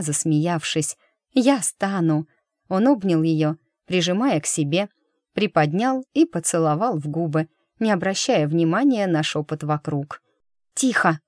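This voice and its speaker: Low-voiced woman narrating an audiobook. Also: a little mellow, dry recording, clean studio sound. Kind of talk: scripted narration.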